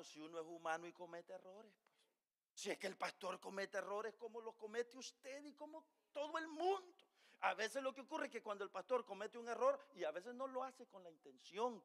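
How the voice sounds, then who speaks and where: A middle-aged male pastor preaching a sermon, telling a personal story with emotion, dropping quiet and then rising loud. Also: high voice.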